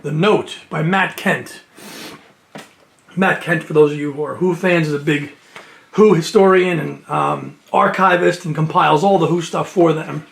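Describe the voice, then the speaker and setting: Speaking a little slowly in a steady tone, the man has a slightly high, creaky and somewhat bright voice. He's a music collector and video host unboxing a music box set indoors at home near his shelves, chatting casually, reading liner notes with enthusiasm and sniffling from allergies.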